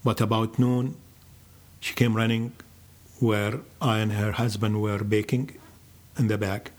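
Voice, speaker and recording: An older man recalls his own life in a low, unhurried voice. He speaks very slowly and reflectively, stopping often between phrases as he tells his story. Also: little pitch movement. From Iraq. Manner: slow, measured, reflective with many pauses. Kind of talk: personal storytelling.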